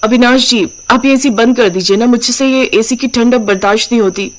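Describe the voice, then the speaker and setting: A woman's voice: on the high side, brisk, lightly acted. A woman voicing a young new bride in a cartoon story, talking in a fretful, exclaiming way. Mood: pleading.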